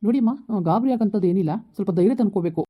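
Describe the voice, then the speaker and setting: A man playing a calm hospital doctor who explains things in a reassuring, repetitive way. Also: high-pitched, rapid-fire. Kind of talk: village comedy skit. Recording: tinny phone-like sound.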